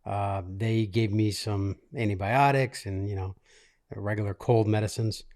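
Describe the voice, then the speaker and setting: Low-voiced man telling his story haltingly. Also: fairly even intonation, darkish tone. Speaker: podcast host. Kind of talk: casual personal storytelling. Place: makeshift studio in a living room.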